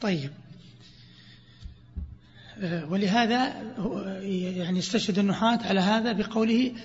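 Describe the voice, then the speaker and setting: High-voiced sheikh teaching grammar. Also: male voice. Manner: questions students, recites verses slowly. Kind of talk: classroom grammar lesson. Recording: dull lo-fi sound, long hall reverb.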